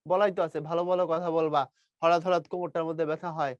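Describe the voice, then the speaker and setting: A man teaching a grammar lesson to a class in a lively, teasing way, quizzing his students. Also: fairly high pitch, rapid-fire, no echo, dull audio.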